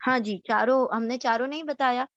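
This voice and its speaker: A woman's voice: on the high side, no room sound, dull audio. A woman giving a Quran lesson word by word, repeating each gloss and asking questions as she explains.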